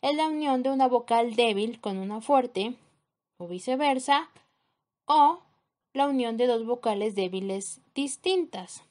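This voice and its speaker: A woman teacher explaining a grammar lesson in a measured way, spelling out examples letter by letter. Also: on the high side, animated, a little mellow.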